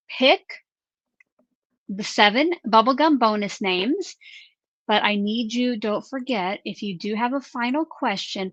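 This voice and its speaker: A woman's voice: mid-range voice, fairly bright tone, dry recording, low-quality recording. A woman hosting a craft live stream in casual chat. She reads out viewer names and questions in an upbeat way.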